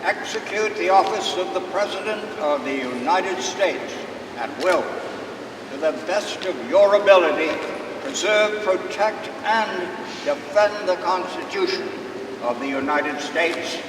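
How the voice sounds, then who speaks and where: A man playing an official who administers an oath, speaking in a slow, ceremonial, proclaiming way; the recording is distant, echoey and crowd-filled. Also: high voice, lively intonation, background noise. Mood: solemn.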